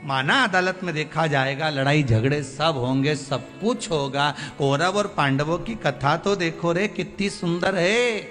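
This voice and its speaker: A man preaching a devotional sermon, pleading with passion and swinging between loud appeals and soft, quiet lines. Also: on the high side, unhurried, hardly any pauses. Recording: long hall reverb with faint music.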